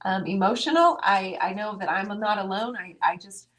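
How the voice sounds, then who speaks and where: A woman's voice: medium pitch, lively intonation, moderate pace, a bit bright. A woman hosting a live painting stream, chatting casually, greeting viewers by name and teasing her husband as she works.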